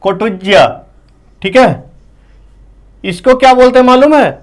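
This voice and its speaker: Slow, high-voiced man teaching math. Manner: explains slowly, asks the class questions; keeps saying "okay" between points. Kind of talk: whiteboard math lesson.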